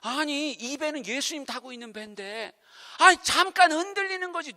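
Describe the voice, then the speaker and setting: A man's voice: extremely high pitch, expressive, moderate pace, pushed and bright, voice pushed up, exaggerated voice. A male pastor voicing a bold, brash older church deaconess who waves off worry in a folksy, dismissive way. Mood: scoffing. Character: bold older woman deaconess, scoffing and unshaken. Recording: long church hall reverb.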